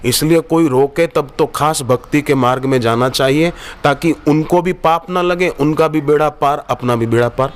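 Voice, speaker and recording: A man's voice: fairly high pitch, normal speed, few pauses. Man giving a devotional sermon. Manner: storytelling, quotes Sanskrit verses, acts out dialogue. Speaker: spiritual teacher. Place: ashram satsang gathering.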